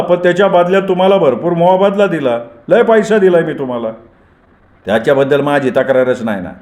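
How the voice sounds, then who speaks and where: A man's voice: on the high side, a little mellow, pitched above the performer's own voice, close to an everyday voice. A man voicing a cold, commanding male smuggler boss who drags out his words in a storybook reading. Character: menacing smuggler boss Gani, male, adult. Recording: roomy echoey recording.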